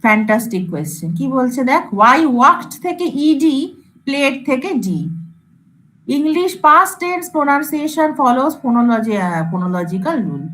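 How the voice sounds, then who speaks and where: A woman lecturer with a high voice teaches a class. She says example words over and over, mixes English terms into her speech and keeps checking whether her students follow. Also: sing-song, slow, a bit bright, slight background noise, poor audio. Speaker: computer science lecturer.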